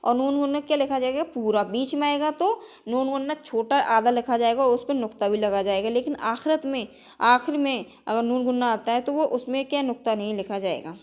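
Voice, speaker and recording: A woman with a slightly high voice teaches an exam-prep lesson. She states each rule, repeats it, then quizzes it back before running through lists of example words. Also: fairly quick, a little mellow. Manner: drills with example words in a list.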